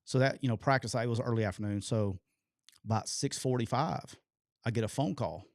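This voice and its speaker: A man, telling a long, animated and profane story as a podcast co-host. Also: mid-range voice, fairly quick, no room sound, clean studio sound. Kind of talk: casual storytelling chat.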